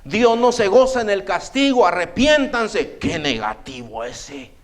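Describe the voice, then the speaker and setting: Animated Spanish-speaking male preacher. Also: high voice, a little slow. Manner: animated preaching, acts out biblical characters' voices; addresses listeners as "hermano". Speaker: pastor. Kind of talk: sermon. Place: church.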